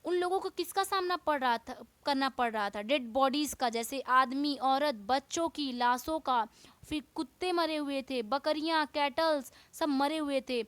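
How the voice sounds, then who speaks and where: A woman teacher explaining a textbook chapter, reading English lines slowly and then explaining them at length. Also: high-pitched, fairly bright tone, no room sound.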